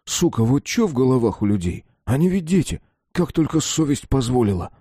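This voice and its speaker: A man's voice: mid-range voice, sing-song, brisk, dark tone, slightly rough, dry recording, clean studio sound, pitched above the performer's own voice. A man voicing a rattled young man who swears crudely and defends himself in an audiobook. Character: angry rattled young man drinking beer.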